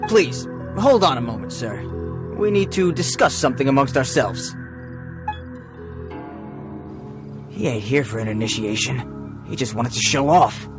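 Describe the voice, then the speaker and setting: An actor playing a sneering, streetwise bandit in a video game, slangy, mocking and swaggering. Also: male voice, mid-range voice, expressive, moderate pace, close to an everyday voice. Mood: wary. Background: game music.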